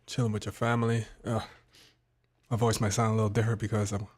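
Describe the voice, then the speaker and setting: A tech streamer hosts a casual live stream from his indoor home setup, talking about his streaming gear into a studio mic on his desk. He's got a cold and sounds a bit nasal, staying laid-back and chatty while pausing now and then to fiddle with equipment. His voice sits on the low side.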